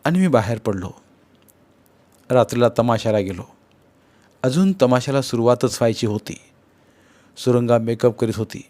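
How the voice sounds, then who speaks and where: A man reading a story aloud as narrator in a measured, plain manner. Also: medium pitch, a little mellow.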